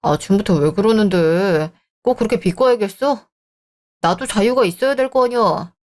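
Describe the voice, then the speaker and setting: A woman's voice: medium pitch, normal speed, darkish tone, close to an everyday voice. A woman voicing a selfish, dismissive young married man in a radio drama, talking scornfully. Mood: irritated. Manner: scornful, bickering. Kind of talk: Korean radio drama acting.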